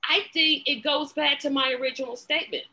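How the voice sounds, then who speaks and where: Woman host, bright and a bit high, animated, sarcastic, restarts lines. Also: brisk, low-quality recording. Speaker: podcast host. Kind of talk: casual political chat.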